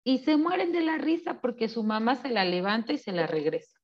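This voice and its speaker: A woman giving an online seminar talk, explaining slowly and putting questions to her audience. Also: on the high side, big pitch swings, dull audio. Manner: slow, explanatory, asks the audience questions and acts out baby and mother voices. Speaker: seminar speaker.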